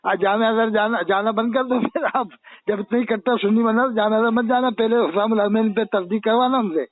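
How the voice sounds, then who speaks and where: A man's voice: high voice, fairly even intonation, a little fast, no echo. Man, heated argument, rhetorical questions, dry phone-line sound. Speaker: religious debater.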